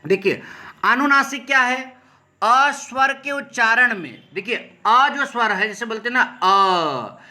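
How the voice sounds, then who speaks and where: A man teaching Hindi grammar, explaining step by step, often checking in with the class and slowing down to sound out individual letters. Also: very high voice, lively intonation, sharp tone. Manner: repetitive, checks in with "ठीक है" often. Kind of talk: explaining a lesson over slides.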